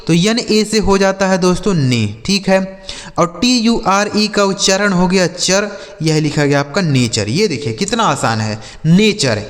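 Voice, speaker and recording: Male online English tutor, high pitch, patient letter-by-letter spelling, echoey room. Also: a bit bright. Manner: spells words letter by letter slowly, repeats quiz questions. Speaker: English teacher. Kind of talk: spelling-out reading lesson.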